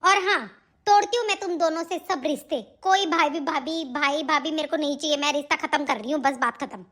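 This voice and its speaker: Woman plays hot-tempered young sister: indignant, taunting, very high voice. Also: fairly quick, a bit bright. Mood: defiant. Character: young married sister, sharp-tongued and quick to anger. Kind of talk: animated family drama dubbing.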